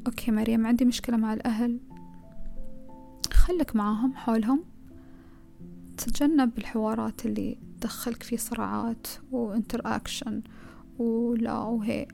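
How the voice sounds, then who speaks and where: Gravelly higher-voiced Gulf Arabic woman. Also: steady tone, normal speed, pauses often, dark tone, soft background music. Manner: conversational, advising, piles up rhetorical questions. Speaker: self-help speaker. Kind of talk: motivational self-help talk.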